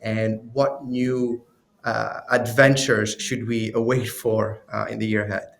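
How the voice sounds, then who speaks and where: A man's voice: fairly low pitch, level tone, measured pace, vocal fry. A man moderating an interview, asking loose, friendly questions with many "you know" fillers.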